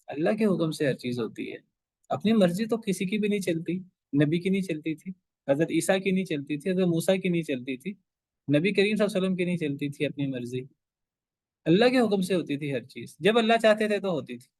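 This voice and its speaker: A man lecturing a class on scripture, his voice pitched a little high for a man. He drives each point home with repeated rhetorical questions. The sound is dry and close. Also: lively intonation, a little mellow, no echo. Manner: emphatic, asks rhetorical questions and repeats phrases. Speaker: Quran teacher.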